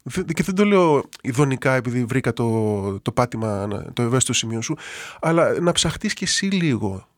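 A man's voice: medium pitch, sing-song, dry recording, clean studio sound. A man, a former priest, talking earnestly as a guest and musing on anger, love and people. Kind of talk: reflective conversation with anecdotes.

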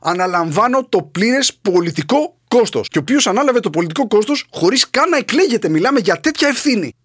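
A male comedian giving a satirical monologue, sarcastic and animated in the jokes and chatty and relaxed when he turns to show announcements. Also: extremely high pitch, breathy edge, no echo, studio quality.

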